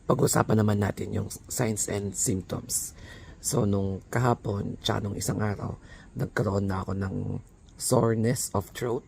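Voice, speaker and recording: A man with a badly hoarse, croaky voice talks slowly and low in a relaxed vlog chat. His voice has a gravelly rasp, and he laughs breathily between phrases. Faint ambient noise sits behind him. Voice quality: raspy, croaky voice. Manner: chatty Taglish, mixing in English. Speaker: vlogger.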